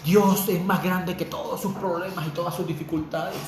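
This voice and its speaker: Fervent high-voiced preacher, echoey room. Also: male voice, fairly even intonation, normal speed. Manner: fervent preaching with rhetorical questions to the listener. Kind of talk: sermon. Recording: echoey room with faint noise.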